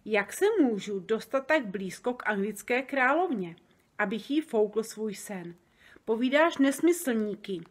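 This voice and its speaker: A woman reading aloud and voicing a big, kind male giant who talks slowly and makes up odd words. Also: a little high, expressive, slightly rough. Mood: gentle. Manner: slow, wondering, jumbled made-up words.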